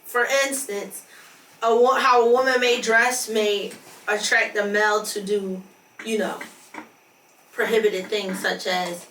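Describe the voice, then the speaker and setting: A woman's voice: mid-range voice, steady tone, a little slow, a bit bright, a little hiss or hum. A twenty-year-old woman co-hosting a podcast, chatting casually and rambling with restarts. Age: 20s. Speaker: podcast co-host. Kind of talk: casual chat. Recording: echoey room, mic at a distance.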